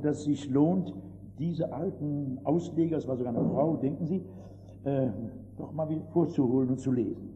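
An older man preaches in a dark, mellow voice that carries into a long, echoing hall. The recording is dull and old, with a faint hiss underneath. He drops to quiet asides, swells into loud emphatic cries and keeps asking his listeners whether they follow him. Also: on the high side. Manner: keeps turning to the audience with rhetorical questions. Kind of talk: sermon.

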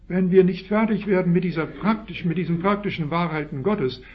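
A man with a Swiss German accent preaching a sermon, stressing key words with sudden loud rises and then dropping to quiet asides. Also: high-pitched, brisk. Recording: dull lo-fi recording.

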